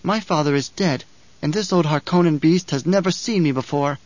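A man voicing an eerily composed, fearless young girl who speaks calmly and precisely. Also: a little high, moderate pace, dry recording, lightly acted. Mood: cool defiant. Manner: calm, precise, unsettling. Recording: dull lo-fi audio.

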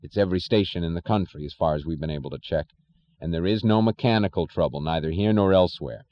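A man doing a soft, weary engineer. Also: deep voice, dull audio, a little hiss or hum, natural voice. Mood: weary calm. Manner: quiet, slow, resigned. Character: weary, soft-spoken male chief engineer.

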